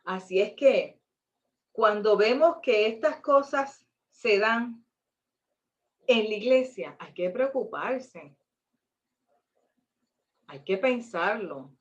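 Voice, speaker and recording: A woman's voice: on the high side, lively intonation, takes it slowly, long pauses, muffled recording. A woman teaching a Bible class in an earnest, emphatic way, asking rhetorical questions.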